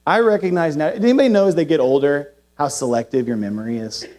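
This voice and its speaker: Male pastor, higher-pitched, conversational sermon with self-deprecating humor. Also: quick pace, darkish tone. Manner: conversational, self-deprecating, uses playful asides. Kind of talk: sermon with personal storytelling.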